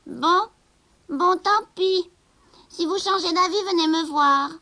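A woman voicing a sly, mocking old witch selling cloth in a storybook, speaking slowly. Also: very high voice, sharp tone, voice pushed up, full character voice. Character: cackling sly old female witch peddler.

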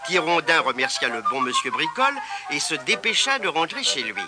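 A man narrating a children's storybook, expressive and lilting. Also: on the high side, moderate pace, loud music behind the voice.

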